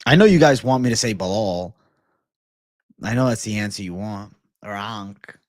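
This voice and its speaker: A man hosts a casual livestream, chatting and answering viewers with slangy, profane, bro-heavy banter. His voice is lowish and moves at a normal speed. The sound is clean, studio quality, with no echo.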